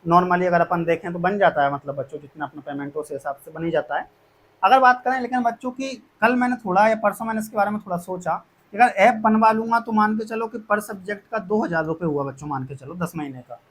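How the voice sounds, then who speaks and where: A man with a notably high-pitched voice speaks to his students like a teacher. He explains plans step by step, often circling back and repeating himself to reassure them. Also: quick pace, a bit bright. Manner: repetitive, reassuring, addresses students as kids. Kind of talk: explaining course fees to students.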